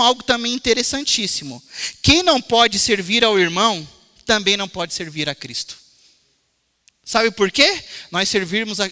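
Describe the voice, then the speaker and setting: Male pastor from Brazil, very high, piercing voice, lively sermon in a reverberant church hall. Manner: animated storytelling, addresses congregation as brothers. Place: church sanctuary.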